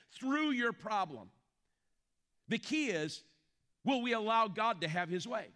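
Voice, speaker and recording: A male pastor delivers a sermon with emphatic conviction and often puts rhetorical questions to the congregation. His voice is high and bright. His pitch rises and falls widely as he drives each point home.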